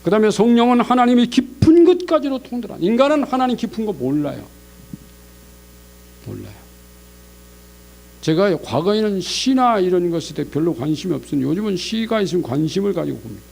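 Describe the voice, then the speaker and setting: Animated high-voiced male pastor preaching. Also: brisk, creaky. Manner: animated, acts out God's scolding voice. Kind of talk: Sunday sermon. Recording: mains hum in the background.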